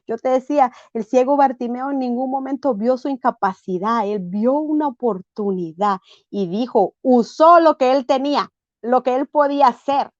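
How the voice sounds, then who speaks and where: A woman's voice: sits high, normal speed, no room sound, dull audio. A woman preaching a sermon, often asking her listeners "right?" and acting out the voices of people in the story. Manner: preaching with frequent tag questions and dramatized quotes.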